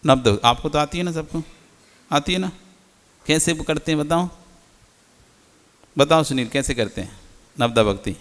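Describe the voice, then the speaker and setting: A man's voice: fairly high pitch, a little slow, long pauses, long reverb tail. A man, a Jain monk, giving a teacherly sermon and often putting questions to his listeners. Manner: rhetorical questions to the audience, teacherly.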